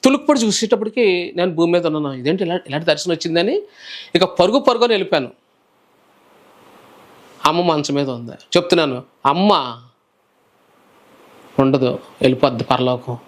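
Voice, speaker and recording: A man who is a preacher, telling his personal testimony in a calm, soft-spoken way during an interview. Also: sits high, fairly quick, pauses often.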